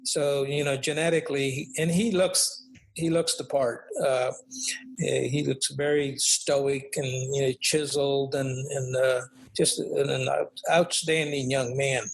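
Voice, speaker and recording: In a conversational interview, an older male author speaks in an unhurried, creaky mid-range voice with little pitch movement. He reflects aloud, full of fillers and tag questions, on a rough recording with faint noise behind him.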